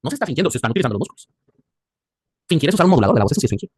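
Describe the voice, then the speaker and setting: A man's voice: a little high, big pitch swings, racing, a little mellow, breathy edge. A man with a Mexican accent teaching an anatomy class, quizzing his students and joking in crude slang. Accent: Mexican Spanish. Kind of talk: classroom lecture.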